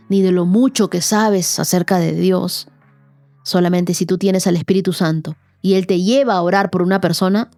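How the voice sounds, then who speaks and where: Woman, devotional podcast host, earnest, emphatic, warm tone, soft music behind. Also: medium pitch, no room sound. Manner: earnest, emphatic, slows for key phrases. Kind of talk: devotional teaching and prayer.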